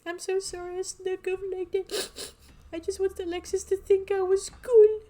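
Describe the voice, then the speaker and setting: A woman voicing an anxious, apologetic teenage girl from a game, reading her lines high and earnestly. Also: level tone, moderate pace, dark tone. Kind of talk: reading a visual novel aloud.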